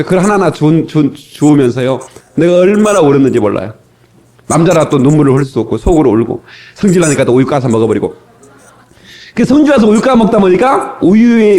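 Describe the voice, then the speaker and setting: A middle-aged male pastor preaching a sermon from an old cassette tape recording, telling stories and asking the congregation questions. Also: a little high. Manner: animated storytelling with rhetorical questions to the congregation. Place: church sanctuary.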